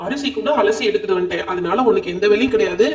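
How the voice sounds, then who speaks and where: Fast-talking man, bossy banter. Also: high voice. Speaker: doll-show voice performer. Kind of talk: playful doll-show voice acting. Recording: echoey, distant mic.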